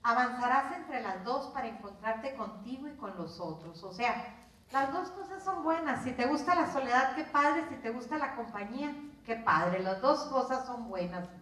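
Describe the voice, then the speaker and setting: Older woman, Mexican accent, high voice, chatty workshop lecture, echoey room, mic set back. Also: animated, moderate pace, fairly bright tone. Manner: conversational, asks the audience questions. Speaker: course instructor. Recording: roomy sound from a distance.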